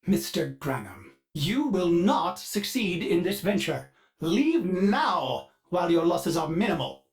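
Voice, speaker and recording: In a video game, an actor voices a courteous, fussy male ship AI who refers to himself in the third person, filtered through a glitchy robotic effect. The voice is high-pitched with big swings in pitch and a measured pace. He sounds disdainful, breaking into sudden dark, glitched outbursts.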